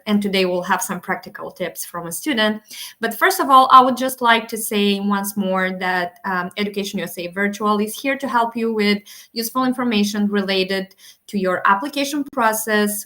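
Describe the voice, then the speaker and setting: A woman hosting a live webinar over a video call, speaking formally and unhurriedly with frequent filler pauses. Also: medium pitch, fairly bright tone. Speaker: webinar host.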